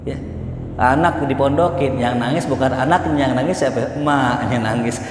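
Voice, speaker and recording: A man's voice: mid-range voice, moderate pace. A male preacher gives a humorous sermon to a live audience, joking and asking rhetorical questions. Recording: echoey hall, faint noise.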